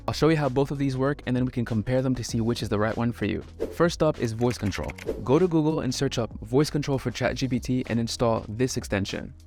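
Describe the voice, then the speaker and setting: A man hosting a video, giving a clear scripted tutorial narration that explains each step in order. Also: mid-range voice, a little mellow. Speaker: video host.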